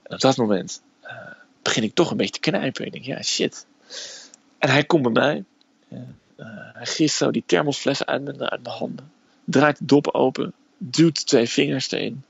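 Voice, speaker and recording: A man telling a personal story in a casual, hesitant way, filling pauses with "eh". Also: mid-range voice, vocal fry, slightly rough, no room sound, highs cut off. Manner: hesitant storytelling, frequent "eh" fillers.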